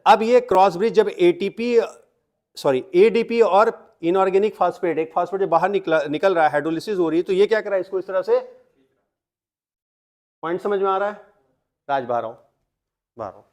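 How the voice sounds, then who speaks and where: A man's voice: sits high, brisk, darkish tone. A young adult man, teaching biology to a classroom of students. He mixes in English terms, keeps asking the class questions and then answers them himself. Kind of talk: classroom lecture.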